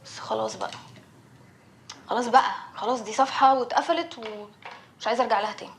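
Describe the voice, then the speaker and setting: A remorseful young woman apologizes with an Egyptian accent, hesitant yet quick. Her voice sits a little high. Faint room noise hangs behind. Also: vocal fry. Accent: Egyptian Arabic. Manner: hesitant, soft-spoken confessing. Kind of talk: TV drama acting.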